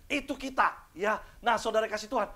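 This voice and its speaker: High-voiced man preaching an animated sermon. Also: fairly quick. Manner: animated preaching, acts out voices, asks the congregation questions. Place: church service.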